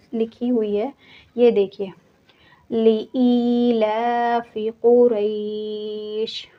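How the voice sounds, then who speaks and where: Slow, patient woman teaching recitation. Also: a little high, highs cut off. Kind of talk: online tajweed class explanation.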